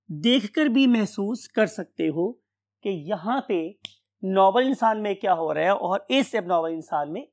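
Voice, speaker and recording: A man with a Pakistani accent teaching biology, mixing Urdu and English and dictating definitions slowly while repeating key words. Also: high voice. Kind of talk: recorded classroom lecture. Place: room with a whiteboard.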